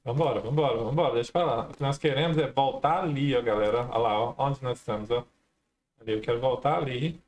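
A gameplay streamer talks casually over his own let's-play, chatting to viewers and exclaiming often. His medium-pitched, darkish voice is fast, with a little hiss or hum in the recording.

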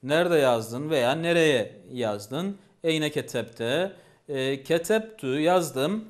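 Male teacher, patient and repetitive, voice a touch high. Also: animated, slow pace. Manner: patient, repeats each phrase and asks questions. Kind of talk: language lesson.

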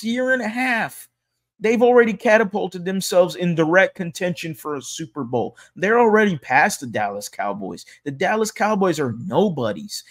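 A young man hosting his own fan podcast and reacting to a sports clip. His voice is fairly high for a man. He talks casually and bluntly, and he sounds opinionated and quick to trash-talk. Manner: brash, opinionated, trash-talking rival fans.

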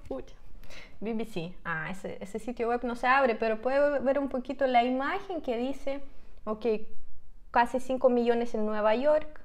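A young Russian woman in her twenties, a native Russian speaker, vlogging casually and thinking aloud as she reads from her laptop, with many fillers and restarts. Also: on the high side. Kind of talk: casual reaction vlog. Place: home room with a piano, indoors. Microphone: clip-on lapel mic.

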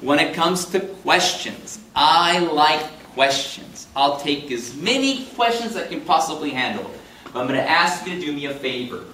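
A man in his fifties teaches a class with a lively, swooping, fairly high voice. He jokes and acts out little quotes. He is picked up from across an echoey meeting room. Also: moderate pace. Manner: animated, jokey, talks with big hand gestures and quoted voices. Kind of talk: live classroom lecture. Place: meeting room with projector screen. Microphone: far camera in the room. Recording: roomy and distant with faint hum.

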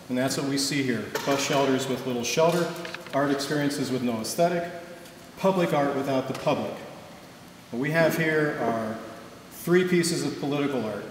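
Emphatic man in an echoey hall. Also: on the high side. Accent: Wisconsin. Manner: emphatic, rhetorical, repeating for stress. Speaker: protester at public meeting. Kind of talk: public comment speech. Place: public meeting room. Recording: echoey hall, far from mic, noisy.

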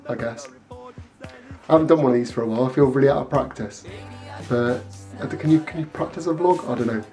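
A man's voice: medium pitch, dark tone. Self-mocking man vlogging. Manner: self-deprecating, halting restarts. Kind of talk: casual vlog talk.

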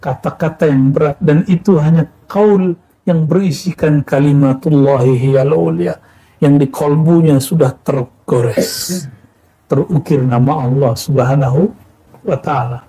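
A man in his thirties from West Sumatra, preaching calmly to students with rhetorical questions and a frequent "ya". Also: on the high side, measured pace, slightly rough, rough recording. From West Sumatra, Indonesia. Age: 30s. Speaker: Islamic preacher. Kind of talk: sermon to students.

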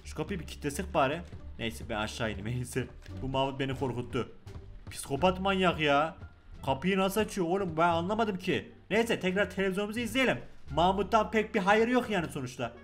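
Excitable high-voiced young Turkish gamer. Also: male voice, fast, soft background music. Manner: loud, joking, excitable, talks to the game baby. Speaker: gaming YouTuber. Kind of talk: let's play commentary.

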